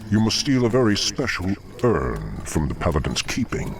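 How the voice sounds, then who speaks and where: An actor playing a scheming, haughty demon lord in a fantasy video game, speaking in a formal, ominous, commanding manner. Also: male voice, low-pitched, wildly swooping pitch, normal speed, a little hiss or hum. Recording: dramatic music behind the voice.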